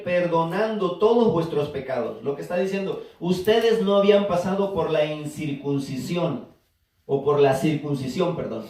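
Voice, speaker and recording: Heard from a distance in an echoey church, a man with a high-pitched, dark-toned voice delivers a teaching sermon. He asks the congregation to answer back.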